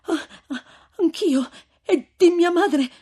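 A woman voicing a frail, pious young woman, high and trembling, crying through anguished exclamations. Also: slow, mellow. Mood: tearful anguish.

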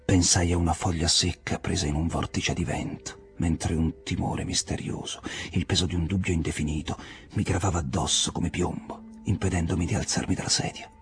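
A man reading a classic novel aloud as a first-person audiobook narration, measured and expressive. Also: low voice. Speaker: audiobook reader.

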